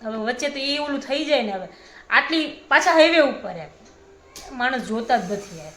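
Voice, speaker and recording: A woman's voice: high voice, animated, moderate pace, bright, forceful tone. A woman in casual family chat, prompting a story with short questions and remarks. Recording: echoey room.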